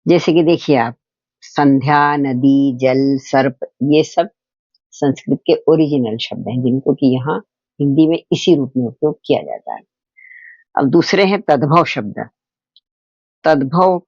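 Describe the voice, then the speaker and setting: A man's voice: a little high, creaky, darkish tone, husky, no room sound, lo-fi sound. Patient man teaching a grammar lesson. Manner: patient, explains step by step with rhetorical questions. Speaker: Hindi teacher.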